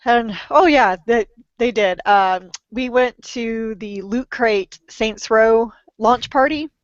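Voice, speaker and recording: A middle-aged woman co-hosting a podcast with a lingering cough, chatting in a self-mocking, storytelling way. Her voice sits at an ordinary pitch for a woman. The audio is dry and a little dull. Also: slow, dry recording. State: lingering cough after illness. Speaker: podcast co-host. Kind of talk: casual chat.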